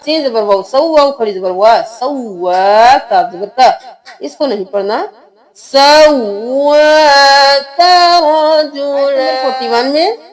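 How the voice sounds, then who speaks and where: High-voiced woman teaching recitation. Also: lively intonation, darkish tone, low-quality recording. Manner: quick spelled-out explanations alternating with slow drawn-out melodic recitation. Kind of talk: tajweed lesson, explaining then reciting slowly.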